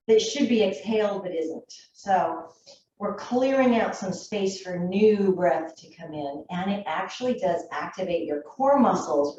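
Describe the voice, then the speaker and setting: A woman in her thirties guiding a yoga class in a calm, gentle voice, still a little froggy in the morning and clearing her throat now and then. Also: medium pitch, slight background noise. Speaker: yoga teacher. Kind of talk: guided yoga class instruction. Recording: dull, echoey room from a distance.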